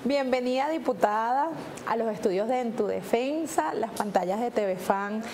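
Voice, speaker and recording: A Venezuelan TV host and lawyer presents her legal program in a formal, polished, announcer-like Venezuelan Spanish that slows down for numbers. Her voice is fairly high with a darkish tone, and faint music plays behind her.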